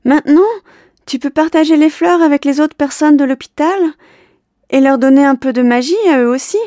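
A woman's voice: a little high, normal speed, no echo, studio quality, lightly acted. A woman putting on an eager kind young girl. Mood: cheerful. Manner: bright, eager and encouraging. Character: kind young girl planting magic flower seeds.

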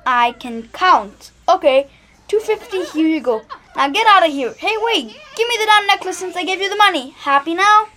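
Lady doing a grumpy english dad abroad, high pitched, exasperated and fussy, comedy acting. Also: animated, normal speed, sharp tone, heavily acted. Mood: disgusted, exasperated. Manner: complaining, exasperated. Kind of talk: acted comedy drama.

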